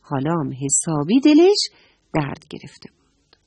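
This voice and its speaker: A woman telling a children's story in a warm, coaxing voice that speaks straight to the children. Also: low-pitched, wildly swooping pitch, a little hiss or hum.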